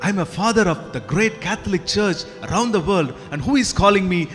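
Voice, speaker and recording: A man interpreting a sermon phrase by phrase, deliberate and echoing the preacher's fervor. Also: high voice, a bit bright. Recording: hall reverb with faint music behind.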